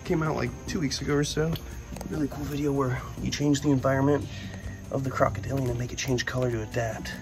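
A man's voice: mid-range voice, fairly even intonation, fast talker. Young man vlogging enthusiastically over music. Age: young adult. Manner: chatty and enthusiastic, slipping into playful pet talk with animals. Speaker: reptile keeper and vlogger. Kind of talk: casual handheld vlog narration to viewers. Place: outdoor enclosures at night, then a large metal-walled building. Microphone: handheld phone at arm's length.

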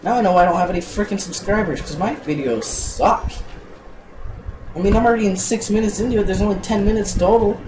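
This let's-play narration of a block game comes through a noisy recording. The young man talking is irritated and rambling, cursing as he goes, and his high, steady voice races along rapid-fire with hardly any pauses.

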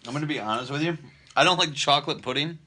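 A man's voice: a little high, quick pace, bright, forceful tone. A man in his thirties with an American accent, chatting casually and teasingly as a dad in a family vlog. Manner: joking, teasing. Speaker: father vlogging with his family. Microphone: handheld phone camera. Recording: noisy handheld phone audio with clatter.

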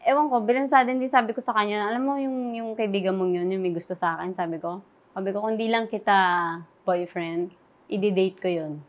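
A young woman speaks as an interview guest, recounting a personal story in a soft, earnest way. She often slips into quoting what was said to her. Her voice sits at a middle pitch. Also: steady tone, a little fast. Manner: soft, recounting quoted dialogue.

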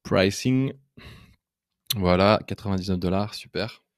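Guy walking through a web tool live, lowish voice, dry close sound, lots of ums, excited. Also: unhurried, no room sound. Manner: chatty and enthusiastic, hesitant with many fillers. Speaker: web design trainer. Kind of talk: casual screen-recorded software demo.

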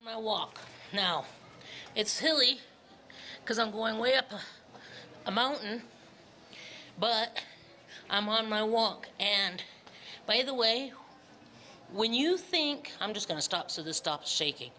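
A middle-aged woman vlogs with a phone or camera held at arm's length, talking casually and emphatically and often repeating words for effect. Her voice is on the high side, animated and bright with a forceful tone, and she speaks slowly with frequent pauses. She's mostly outdoors on hilly town streets, sometimes indoors, and there's a faint hiss or hum.

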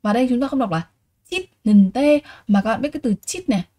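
A woman teaching a vocabulary lesson who talks at a quick pace in a slightly high voice. She repeats each word several times and keeps asking her students rhetorical questions. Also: lively intonation, a little mellow, husky. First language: Vietnamese. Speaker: Korean language teacher.

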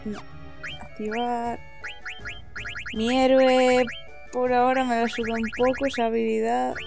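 A young woman with an accent from Spain hosts a gaming video, her voice somewhat high, fairly flat in pitch, a little slow and creaky. She gives casual, self-deprecating gameplay commentary with informal swearing and reads game dialogue aloud. Game music plays behind her.

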